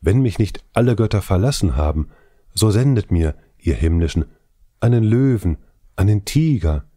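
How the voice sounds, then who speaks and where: A male audiobook reader voicing a despairing young princess in anguished, lamenting declamation, his low dark voice pitched up a little. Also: lively intonation, moderate pace, no room sound, studio quality. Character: despairing young princess, abducted king's daughter. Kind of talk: scripted audiobook reading.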